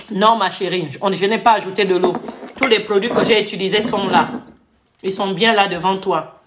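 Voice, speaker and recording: A live-stream host from Gabon, a woman with a mid-range voice, delivers a heated, scolding rant that keeps repeating itself and briefly switches into English. The room sounds echoey, and there's background noise.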